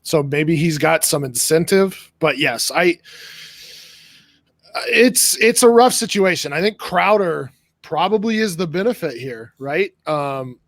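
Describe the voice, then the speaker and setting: A man on a casual sports show who talks tentatively with uneven loudness. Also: on the high side, expressive, a little slow, dry recording. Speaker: podcast panelist.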